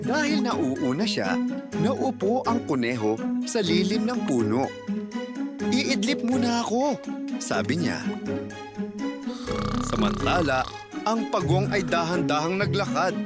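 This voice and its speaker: An expressive storybook narrator with a lively, swooping delivery and a moralizing touch. Clear music plays behind the voice the whole time. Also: mid-range voice, unhurried, pauses often. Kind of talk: scripted children's story narration. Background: background music.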